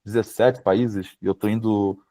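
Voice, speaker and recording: Man with a Brazilian accent, mellow voice. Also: on the low side, fairly even intonation, measured pace. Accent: Brazilian Portuguese. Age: late 20s. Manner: informal, frequent fillers like "sabe?" and "tipo". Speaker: guest speaker, power systems engineer. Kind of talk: webinar talk, casual advice. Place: home, remote video call. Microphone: video call.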